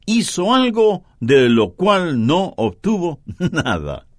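A man's voice: on the high side, dry recording, studio quality. A man preaching an earnest sermon, telling stories and making points with strong emphasis.

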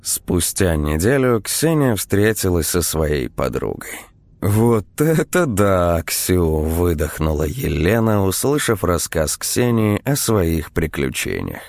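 A man narrating an audiobook in a measured, even manner. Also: low voice, gravelly, no echo.

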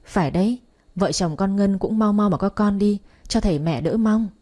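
A woman's voice: mid-range voice, normal speed, mellow, lightly acted. A woman voicing a stern older father-in-law who hisses and scolds. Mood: approving. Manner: hissing, scolding.

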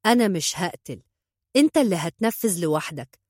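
A woman voicing a calm, commanding middle-aged man who speaks low, flat and curt. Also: brisk, no room sound, studio quality. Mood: cool.

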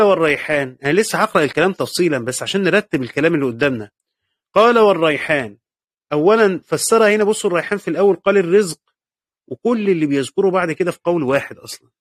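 A man's voice: on the high side, a bit bright, no room sound, studio quality. A man with an Egyptian Arabic accent teaching a lesson on Quran commentary, patiently asking and answering his own questions and repeating key points. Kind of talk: classroom lecture.

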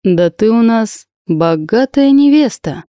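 A woman reading an audiobook, voicing a playful, joking man of about thirty with slow, drawn-out teasing lines. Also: a little high, lively intonation, mellow, clean tone, no echo, clean studio sound, pitched above the performer's own voice. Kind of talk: audiobook character voice.

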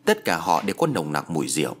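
A man narrating a ghost story in a dramatic, expressive reading. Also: very deep voice, fast, slight background noise. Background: faint background music.

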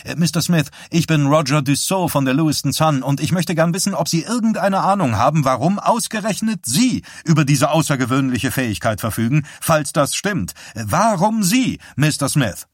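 A man's voice: high-pitched, big pitch swings, normal speed, few pauses, a bit bright, no echo, clean studio sound, pitched above the performer's own voice, exaggerated voice. A man voicing a nervous, pushy male newspaper reporter who presses his question. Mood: insistent.

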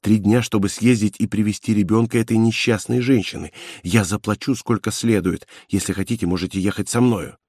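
A man voicing a quiet, restrained older man who speaks low and pleadingly in an audiobook reading. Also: steady tone, fairly quick, hardly any pauses, no room sound, clean studio sound. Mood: hushed. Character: quiet, restrained older male convict-mayor.

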